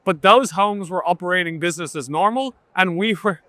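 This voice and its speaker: A man speaking as a startup founder in a conversational interview, animated and telling stories in which he quotes his own dialogue. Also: high voice, fairly quick, no echo.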